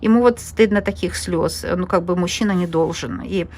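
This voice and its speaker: Speaking at a normal pace in a lowish, somewhat dark voice, a woman gives a casual tarot reading as a monologue. She chats loosely and rambles, with plenty of fillers and restarts, and she addresses her viewers directly as friends and girls.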